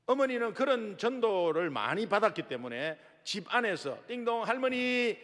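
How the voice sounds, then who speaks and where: A middle-aged male pastor with a Gyeongsang accent, preaching a revival sermon as an animated storyteller who acts out dialogue with humor. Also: high-pitched, normal speed. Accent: Gyeongsang Korean. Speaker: guest pastor. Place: large church sanctuary. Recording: long reverb of a big sanctuary.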